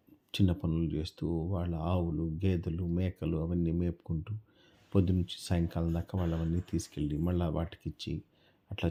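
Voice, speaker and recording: A man telling a children's story in a relaxed, repetitive oral style. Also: sits low, gravelly, breathy edge. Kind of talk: casual children's story narration.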